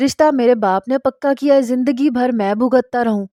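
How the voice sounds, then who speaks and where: Brief: indignant young man, complaining, mellow voice, as a woman narrator voices him. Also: on the high side, dry recording, highs cut off, voice pushed up, natural voice. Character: exasperated young man, reluctant groom.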